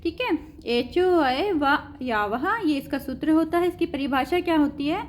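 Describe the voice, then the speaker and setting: A woman's voice: sits high, measured pace. A woman teaching a grammar lesson to school pupils, patiently repeating each example and addressing the pupils as children.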